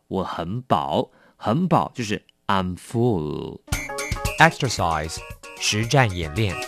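A man teaching English vocabulary in a chatty, explanatory way, asking rhetorical questions. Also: on the low side. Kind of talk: vocabulary lesson explained in Mandarin.

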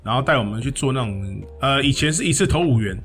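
A middle-aged man co-hosting a podcast, chatting casually and rambling, with lots of quick repeated agreement. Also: mid-range voice, animated, fairly bright tone, faint music behind. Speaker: podcast co-host. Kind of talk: casual chat.

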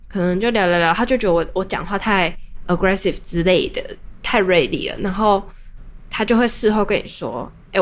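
Fast-talking woman podcast host. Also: mid-range voice. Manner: animated, rambling, many restarts. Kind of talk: casual storytelling chat.

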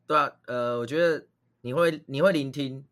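Bright-voiced man. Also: medium pitch, moderate pace. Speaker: podcast co-host. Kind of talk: casual chat.

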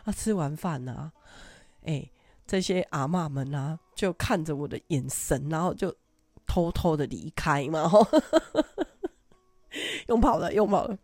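An older woman hosts a podcast, casually telling animated stories and laughing often. Her voice is low, her speed normal, and the recording is dry.

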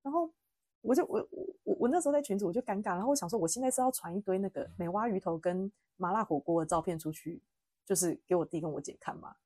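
A young woman with a Taiwanese Mandarin accent, hosting a podcast and telling a family story in a lively way, acting out what her relatives said. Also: on the low side, fast talker, breathy edge, no room sound. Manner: animated, acts out family quotes, frequent laughter. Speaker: podcast host. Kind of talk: casual storytelling monologue.

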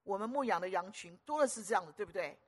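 A woman's voice: medium pitch, expressive, quick pace, slightly rough. An older woman preaching a sermon, emphatic, repeating phrases in lists and putting questions to the audience.

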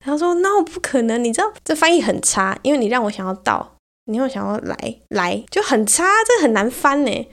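Taiwanese lady rambling on her podcast, quick, jokes at her own expense. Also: on the high side, sing-song, fairly bright tone. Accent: Taiwanese Mandarin. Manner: chatty, rambling, self-mocking. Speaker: podcast host. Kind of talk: casual podcast chat.

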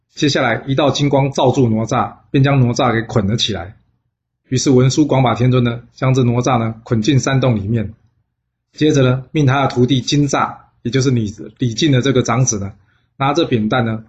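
A man telling a classic legend in a folksy way, often pausing on fillers. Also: medium pitch, a little mellow. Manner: folksy, with frequent filler pauses. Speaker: storyteller. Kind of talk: storytelling narration. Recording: slightly dull lo-fi recording.

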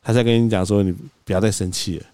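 Fast-talking man telling a story. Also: fairly low pitch, dry recording. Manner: animated storyteller, acts out quoted lines, laughs often. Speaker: podcast co-host. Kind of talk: casual storytelling chat.

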